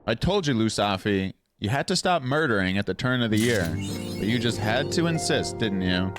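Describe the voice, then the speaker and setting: A man chatting playfully and casually with viewers as he comments on his gameplay. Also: mid-range voice. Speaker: game streamer. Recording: game music behind the voice.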